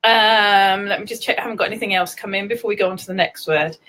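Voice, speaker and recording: A woman's voice: medium pitch, quick pace, bright, forceful tone. A woman with an English accent hosting a casual live-stream chat, giggly and chatty, laughing often. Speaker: host.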